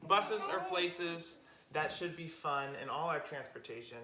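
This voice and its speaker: A woman hosts storytime for young children, telling stories and explaining things in a simple, direct way. Her deep voice is pushed and bright, with lively intonation and a measured pace, and the recording carries a roomy echo with music behind it.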